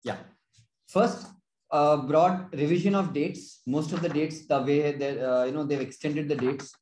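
A man with an Indian accent explaining as a consultant in a webinar, haltingly, often repeating and rephrasing his phrases. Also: fairly high pitch, fairly even intonation, darkish tone, a little hiss or hum. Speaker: tax consultant presenting a webinar. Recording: roomy, echoing webinar audio.

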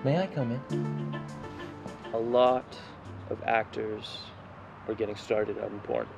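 A stammering young actor. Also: male voice, mid-range voice, fairly even intonation, takes it slowly, creaky, music in the background. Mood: stiff. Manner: hesitant, stammering. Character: nervous young male actor, stiff in scenes.

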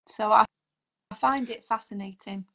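A woman's voice: a little high, fairly even intonation, moderate pace, vocal fry, fairly bright tone. A woman in her forties, a holistic therapist, chatting earnestly as a guest on a video call. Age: 40s. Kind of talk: casual video-call chat. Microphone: video call, audio only.

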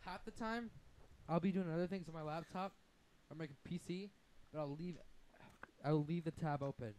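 A man's voice: a little high, normal speed, a little mellow. A teenage boy co-hosting a podcast, matter-of-fact as he talks about his gaming. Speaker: podcast co-host. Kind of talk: casual chat.

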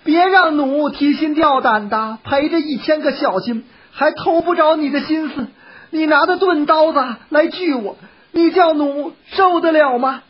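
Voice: high-pitched, normal speed, pitched above the performer's own voice, close to an everyday voice. A storyteller voicing a young concubine with a wheedling, sobbing manner, in a dull lo-fi recording. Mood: tearful pleading. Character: pleading young concubine, tearful and coaxing.

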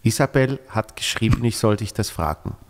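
A man with a Swiss German accent, a comedian guest in casual chat, telling lively anecdotes and acting out the voices of the people in them. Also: on the low side, moderate pace, long reverb tail. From Switzerland. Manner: lively storyteller, acts out quoted voices.

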